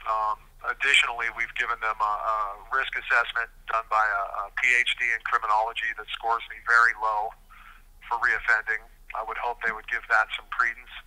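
A man speaking earnestly over a prison payphone call, measured and deliberate, with frequent hesitations. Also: lowish voice, level tone, pushed and bright, low-quality recording. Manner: measured, deliberate, many fillers. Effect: prison payphone call line. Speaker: incarcerated man interviewed by phone. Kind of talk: earnest interview answers.

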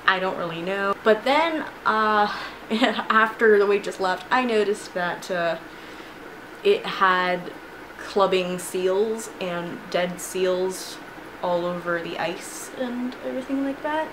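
A young woman, a student, telling a casual storytime vlog in a chatty, animated way with frequent laughs, filmed at home on a camera in her room. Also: medium pitch, slow. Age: young adult. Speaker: vlogger. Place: bedroom with shelves of figurines, indoors. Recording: noisy home recording.

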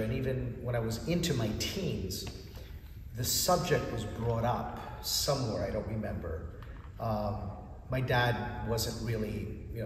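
Slight background noise and heavy church echo surround a man in his fifties, a chanter from the United States whose native tongue is Greek, filmed by a distant camera. At a medium pitch, he answers interview questions as an animated storyteller, raising his voice to act out dialogue.

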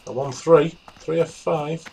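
A man streaming his first time in a game, chatting casually and often muttering quietly to himself. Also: fairly high pitch, steady tone, a little slow, vocal fry, a little hiss or hum. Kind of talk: casual chat while gaming.

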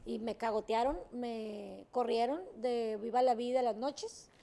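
A woman's voice: on the high side, fairly even intonation, unhurried, gravelly, warm tone. A woman telling stories as a talk show guest, blunt and emphatic, swearing casually as she talks. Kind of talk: candid interview storytelling.

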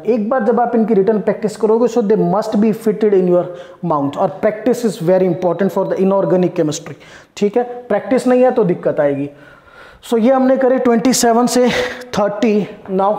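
A man's voice: high-pitched, warm tone, echoey room. A man with an Indian accent giving a chemistry lecture, switching between Hindi and English and often checking that his students understand. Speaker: chemistry teacher. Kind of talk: classroom lecture.

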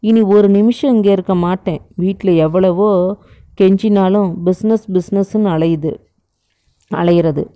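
A woman voicing a jealous, fiery wife who fires off sharp, accusing retorts in an audiobook novel. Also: mid-range voice, steady tone, unhurried, close to an everyday voice.

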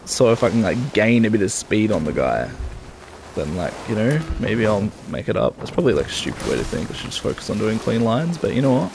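A man's voice: on the low side, very animated, fairly quick, creaky, noisy background. Congested man muttering gameplay commentary. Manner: frustrated, swearing, muttering to himself. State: congested, talking through his nose. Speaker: streamer.

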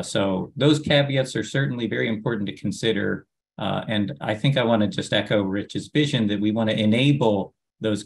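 A middle-aged man giving measured, formal panel remarks over a video call, with frequent "uh" fillers. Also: lowish voice, creaky, slightly rough. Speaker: agency official panelist. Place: home office, virtual green backdrop.

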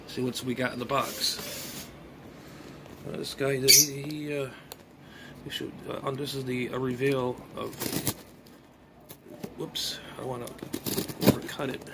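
Slow and full of long pauses, a middle-aged man's medium-pitched voice with little pitch movement rambles and mutters as he handles items, thinking aloud in a casual unboxing vlog about his amateur radio hobby. Recorded indoors in a small bedroom on a phone propped at arm's length, it has noticeable noise, clear background noise and room ambience.

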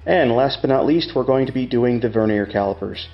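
A middle-aged man hosts a casual, hands-on tutorial on measuring tools, walking through each step like a plain-spoken machinist. His voice sits at medium pitch and moves fairly quickly. The audio is dull, with faint music in the background.

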